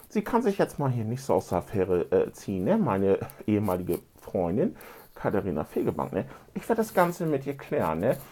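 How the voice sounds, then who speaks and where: This comedian grumbles indignantly into a fake phone call, rambling through a one-sided comic monologue and closing almost every phrase with a questioning "ne". His voice is medium in pitch with a darkish color.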